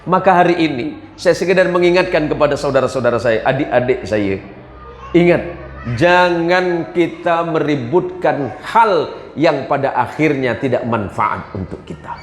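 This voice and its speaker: A man delivers a humorous sermon, his fairly high voice bouncing around a reverberant mosque hall. He tells lively stories, dropping into low asides and then rising into raised calls to his listeners. A faint room ambience sits under the voice. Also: moderate pace, a little hiss or hum. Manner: lively storytelling, swings between low asides and raised exhortations. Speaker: preacher. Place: mosque gathering.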